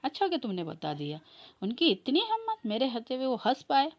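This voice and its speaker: A woman voicing a bossy, quick-tempered young sister-in-law in a comic family skit, scolding and indignant. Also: on the low side, no room sound, lo-fi sound. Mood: outraged.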